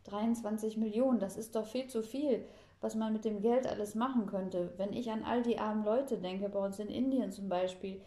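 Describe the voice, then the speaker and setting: A woman's voice: medium pitch, fairly even intonation, moderate pace, dark tone, lightly acted. A woman voicing a dry, teasing old grandfather from India in a read-aloud children's story, with a roomy echo on the recording. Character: wry old grandfather from India, fond of sayings.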